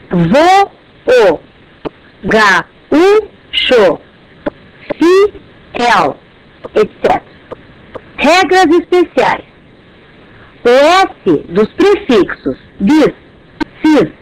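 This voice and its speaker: Slow, lively-pitched teacher voice. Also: a little hiss or hum, poor audio. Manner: deliberate, spells out syllables one by one. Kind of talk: slow dictated grammar lesson.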